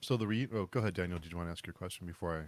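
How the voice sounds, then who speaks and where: A man with a very deep voice hosts a casual book podcast. He thinks out loud in long, rambling questions and trails off with fillers. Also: rapid-fire. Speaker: podcast host.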